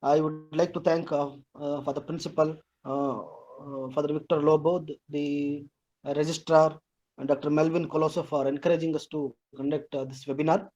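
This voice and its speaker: A man, a professor giving a formal, halting vote of thanks over a video call. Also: on the high side, level tone, darkish tone, lo-fi sound. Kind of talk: formal webinar speech.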